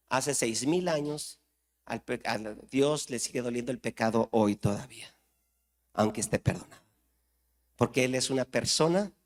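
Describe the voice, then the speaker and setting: A man with a Mexican accent preaching a sermon in a church, impassioned, swinging from loud outbursts to hushed lines. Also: medium pitch. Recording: reverberant church hall.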